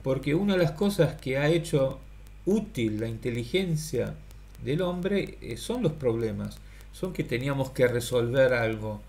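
A middle-aged man, thinking aloud in a halting, rambling monologue to a webcam in a small room. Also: mid-range voice, expressive, a little mellow. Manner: halting, many fillers and restarts, thinking aloud. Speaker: philosophical vlogger. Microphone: webcam at close range.

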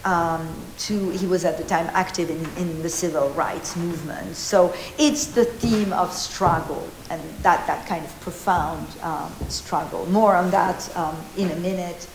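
An informal, lively art history talk comes from a fifties-aged Argentine woman who gestures freely and often restarts or uses fillers. Her lowish voice moves a little slowly with hardly any pauses, and the distant camera in the old meeting house picks up hall echo plus a little hiss or hum.

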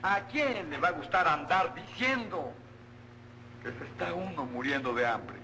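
An actor with a Mexican accent playing a cheeky, hungry young slacker, wheedling and fussy, in an old film comedy. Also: male voice, on the high side, animated, a little slow, sharp tone, full character voice. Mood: cheeky, complaining. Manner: wheedling, impudent, fussy with diminutives. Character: cheeky, hungry, lazy young cyclist working at a tailor's. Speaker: comic actor. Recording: roomy, noisy old film soundtrack.

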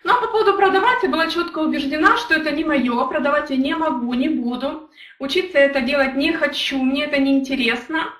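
A young Ukrainian woman, a network marketing leader, speaks quickly in a high, fairly bright voice, recorded from a distant mic with reverberation. On a live stream, she gives an earnest motivational talk, sharing her own story and addressing viewers in the chat.

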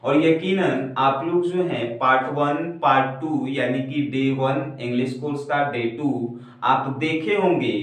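Slow-talking young male teacher in an echoey room. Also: a little high, recorded from a distance. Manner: slow, repetitive teaching, saying each example twice. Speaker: spoken English teacher. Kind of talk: classroom lesson. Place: classroom in front of a whiteboard. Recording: very echoey room, heard from afar.

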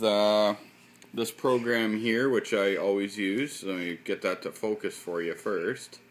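A man with a fairly low, fairly bright voice runs a giveaway for his channel, filming his computer screen for a casual vlog. He talks in a rambling, offhand way and swears casually.

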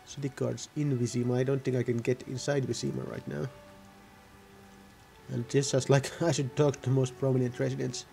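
A man's voice: mid-range voice, flat delivery, a little fast, gravelly, dark tone, soft background music. A man giving casual, rambling gameplay commentary, often correcting himself mid-sentence. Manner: rambling, self-correcting, offhand. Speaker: gaming video host.

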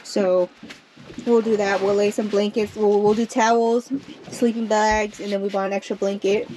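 A woman vlogs casually outdoors on a boat on a lake, under a mesh tarp, recording on an action camera. She rambles and trails off mid-sentence in a medium-pitched, level, slightly mellow voice at normal speed. The audio is poor.

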